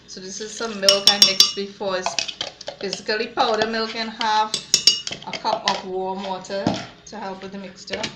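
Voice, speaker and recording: A woman's voice: mid-range voice, level tone, normal speed, very noisy. Chatty woman in an echoey kitchen. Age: adult mother. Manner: chatty, talks viewers through each step. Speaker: home cook showing a recipe. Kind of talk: casual cooking demonstration. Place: home kitchen. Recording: echoey kitchen with clattering cookware. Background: dishes, cutlery and blender clatter.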